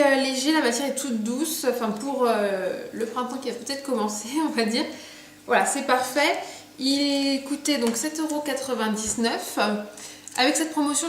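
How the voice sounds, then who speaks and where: A young woman chatting casually about her purchases, full of fillers and restarts, recorded at home. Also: on the high side. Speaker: beauty vlogger. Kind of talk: casual haul video chat. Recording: echoey room, faint background noise.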